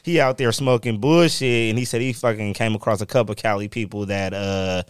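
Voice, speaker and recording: Smooth, low Bay Area man. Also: steady tone, a little fast, no room sound, clean studio sound. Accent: Bay Area Californian. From Northern California. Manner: slangy, profane, peppered with "you know what I mean". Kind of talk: casual chat.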